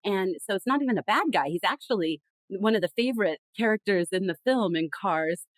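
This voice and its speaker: A woman's voice: medium pitch, brisk, no room sound, rough recording. A woman guest on a podcast interview, talking emphatically and expressively about communication. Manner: emphatic, expressive, lively storytelling. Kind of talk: conversational interview.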